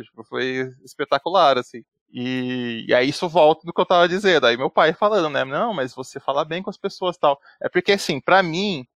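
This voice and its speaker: Podcast co-host, man, rapid rambling chat, slightly high gravelly voice, acts out quotes. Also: no room sound, studio quality. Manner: rambling, peppers speech with "né" and "tipo", restarts often; animated, acts out quoted dialogue. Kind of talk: casual chat.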